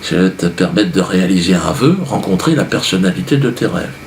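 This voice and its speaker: A man's voice: low-pitched, animated, brisk, roomy sound, slight background noise, pitched below the performer's own voice. A man voicing a gushing female charity worker with a sweet, sing-song manner. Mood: sugary.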